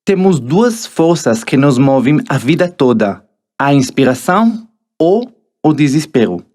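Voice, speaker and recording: An Israeli author narrates his own motivational audiobook, speaking straight to the listener. His voice sits on the high side with a darkish tone, very animated but a little slow.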